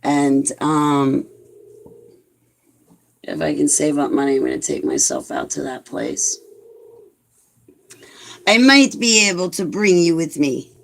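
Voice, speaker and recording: A woman in her forties vlogs casually, reading live comments and chatting to viewers in a rambling, self-mocking way full of "like"s. Her low, creaky voice is very animated yet slow, and she pauses often.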